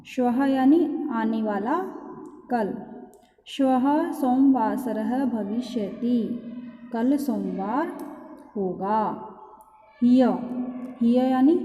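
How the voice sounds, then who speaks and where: A woman teacher talks through a lesson at a very slow, deliberate pace, explaining each word twice and answering her own questions. Her voice is dark and mellow, a little higher than most. The room is echoey, with a long tail of reverb and a faint hum behind her. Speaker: school Sanskrit teacher. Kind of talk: online class lesson.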